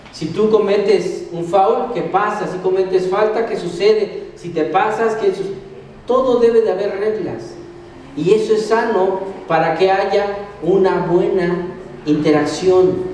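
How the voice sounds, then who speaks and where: A man's voice: high voice, darkish tone, a little hiss or hum. A man with a Mexican accent preaching a sermon to a church congregation, asking them questions and then answering them himself. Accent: Mexican Spanish. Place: church hall. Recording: very echoey hall, mic at a distance.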